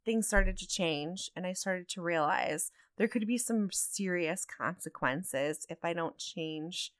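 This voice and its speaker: A woman's voice: on the low side, a bit bright, clean tone, no room sound, clean studio sound. A woman hosting a podcast, telling her own story in a candid, reflective and earnest way. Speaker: podcast host.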